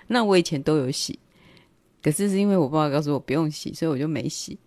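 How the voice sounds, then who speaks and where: A woman's voice: low-pitched, fast talker, a little mellow, no echo. A middle-aged woman with a Taiwanese Mandarin accent, hosting a livestream and chatting casually about her family, acting out her parents' words as she goes. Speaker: livestream host. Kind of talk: casual storytelling.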